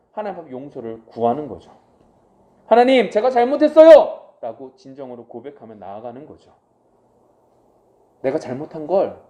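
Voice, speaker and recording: Middle-aged male pastor, sermon, mellow tone, voice rising and falling widely, asks and answers his own questions. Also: dull audio. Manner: swings from loud acted inner voices to soft low asides; asks the congregation questions and answers them himself.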